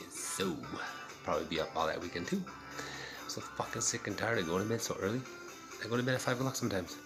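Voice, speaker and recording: Deep-voiced swearing young man. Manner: profane, rambling and joking. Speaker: vlogger. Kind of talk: casual rambling vlog. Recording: loud music in the background.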